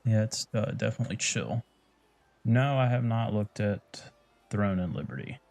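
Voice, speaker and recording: A man's voice: on the low side, lively intonation, moderate pace, gravelly, darkish tone, no room sound, faint music behind. A man chatting casually while streaming a city-building game, laid-back and swearing offhand.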